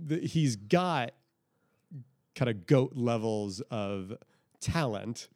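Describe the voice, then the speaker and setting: A man in his thirties, chatting casually on a podcast, animated and rambling with many restarts. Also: medium pitch, takes it slowly, no echo, clean studio sound. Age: 30s. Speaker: podcast co-host. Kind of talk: casual chat.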